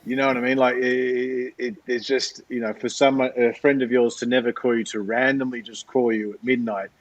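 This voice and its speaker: A man's voice: mid-range voice, flat delivery, normal speed, muffled recording. A male podcast host chats casually, repeating words and saying "you know" a lot. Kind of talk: casual interview chat.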